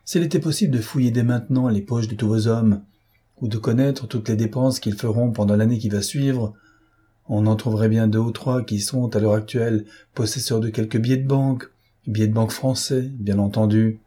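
A man voicing a proud, defiant gentleman thief in an audiobook, mocking and self-assured. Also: lowish voice, fairly even intonation, brisk, slightly rough. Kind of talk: audiobook character reading.

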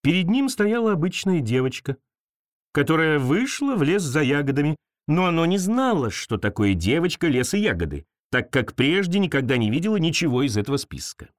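A man narrates a storybook tale with a lively, rising and falling voice, pitched a little high. His reading is expressive. It sounds close and dry, with no room around it. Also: fairly quick, no room sound. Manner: expressive, varied. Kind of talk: scripted fairy-tale narration.

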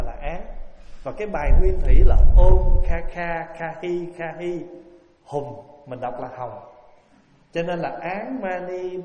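Monk preaching in an echoey hall. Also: male voice, high-pitched. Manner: folksy, humorous storytelling with rhetorical questions. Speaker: Buddhist monk giving a dharma talk. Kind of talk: sermon. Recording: echoey hall, dull, noisy recording.

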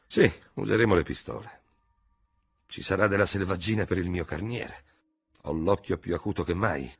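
A man voicing a proud, embittered old male cavalry general who blusters and speaks dogmatically, in a husky voice. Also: rumbling low, exaggerated voice. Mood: grumbling.

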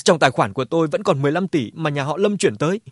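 Man doing a young male hitman, panicked, shouting, raised pitch, dry recording. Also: animated, brisk, slightly rough, dry recording. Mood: frantic accusing. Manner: shouting accusations. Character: panicked young male hired killer, agitated.

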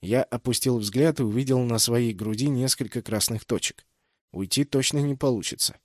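A man's voice: medium pitch, normal speed, dry recording. Man narrating fiction, very dry recording. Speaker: audiobook narrator. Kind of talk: scripted first-person fiction narration.

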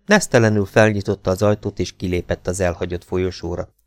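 Low-voiced male audiobook narrator. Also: fairly even intonation, darkish tone, no room sound, clean studio sound.

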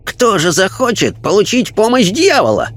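A man's voice: high-pitched, sing-song, normal speed, a bit bright, pitched above the performer's own voice, full character voice. Angry preachy religious zealot ghost, as a man puts him on, storybook reading, somewhat raised voice. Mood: indignant. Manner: indignant, preachy. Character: loud hot-tempered male religious fanatic spirit.

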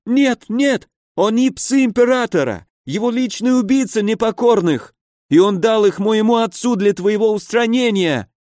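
A man voicing a terrified, cowardly nobleman who shouts in panic. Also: sits high, moderate pace, no echo, studio quality, pitched above the performer's own voice, natural voice. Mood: panicked.

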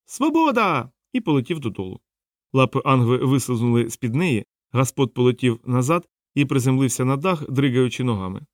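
A man's voice: medium pitch, brisk, a little mellow, dry recording. Man narrating an audiobook, dry sound.

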